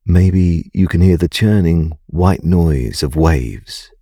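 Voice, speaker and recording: A man narrating a scripted guided meditation in a calm, gentle, soothing and unhurried way. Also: low-pitched, dry recording, clean studio sound.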